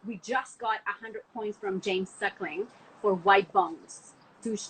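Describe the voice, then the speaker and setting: A woman's voice: medium pitch, takes it slowly, slight background noise, rough recording. A young woman from Argentina, a wine export manager, talking about wine on a casual podcast call, gushing and full of "like" fillers. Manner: enthusiastic, chatty, many "like" fillers. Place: home, from a window view of the city.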